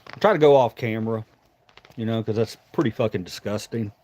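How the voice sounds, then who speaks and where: Talking around a lip full of dip, a livestream host rambles in a casual, informal way, with some swearing. His voice is fairly low-pitched and a little mellow, and he speaks briskly.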